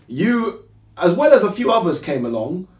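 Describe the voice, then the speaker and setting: A man's voice: sits high, big pitch swings, moderate pace, a little mellow. A man hosting a casual interview in a small studio room, chatty and swearing now and then. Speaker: interviewer, show host. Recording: roomy sound from a distant mic.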